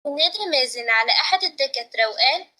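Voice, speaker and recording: A woman with an Egyptian accent reading a romance story aloud as a lively narrator. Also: high voice, fast, rough recording.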